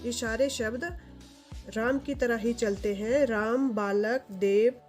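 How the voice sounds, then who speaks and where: A woman teaching a grammar lesson to viewers, reciting word forms in slow, steady lists. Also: fairly high pitch, soft background music.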